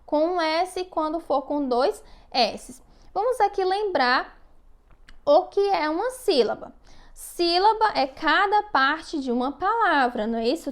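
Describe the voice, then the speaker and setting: Casting: woman schoolteacher, high pitched, unhurried, patient, stretches syllables for small children. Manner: slow, patient, drawn-out syllables with frequent check-in questions. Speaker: teacher. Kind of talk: recorded classroom lesson for young children.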